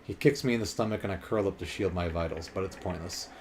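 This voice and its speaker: A man's voice: low voice, slight background noise, natural voice. A man reading as a haunted young elf wizard. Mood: somber. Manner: quiet, measured storytelling.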